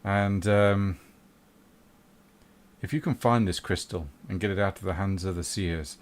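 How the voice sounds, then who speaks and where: A man doing a low-voiced, stern provost of mages, formal and curt, for a tabletop game. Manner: formal, measured, with hesitations.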